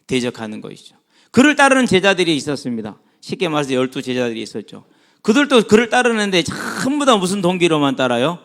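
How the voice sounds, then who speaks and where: A man's voice: fairly high pitch, fast talker. A man preaching an afternoon church sermon, asking the congregation questions and acting out the voices of people in the story. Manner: animated, acts out quoted voices, asks the congregation questions. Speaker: pastor.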